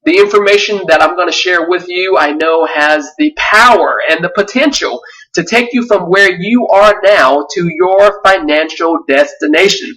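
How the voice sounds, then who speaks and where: Bright-voiced man pitching a webinar, mic distant. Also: moderate pace. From Vietnam. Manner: earnest, with frequent fillers and restarts. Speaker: webinar presenter.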